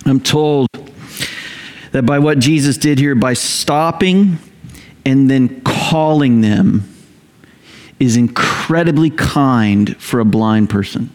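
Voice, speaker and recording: A pastor preaches a sermon slowly with long pauses, telling the story in a conversational, animated way full of fillers and repeated phrases. He rises loud and high when excited and drops low and quiet when he reflects.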